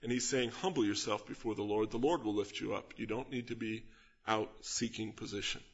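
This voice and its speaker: A man delivers an expository sermon in a husky, somewhat breathy voice. He teaches earnestly, stressing key words and asking rhetorical questions of his listeners. The recording sounds slightly dull and lo-fi. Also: fairly low pitch, steady tone, brisk. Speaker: pastor.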